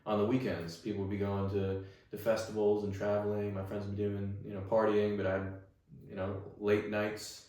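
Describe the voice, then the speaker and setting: A young man from Staten Island, New York, whose first language is Russian, speaks as a guest in a casual interview chat. His lowish voice moves at a moderate pace, relaxed and rambling, full of fillers and restarts. The mic sounds echoey and distant.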